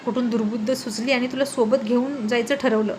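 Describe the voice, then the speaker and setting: An irritable young husband , voiced by a woman narrator snaps and scolds in exasperation. The voice stays high, close to her own. Faint noise hums under this storybook telling. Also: steady tone, brisk, a little mellow, close to an everyday voice. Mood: angry.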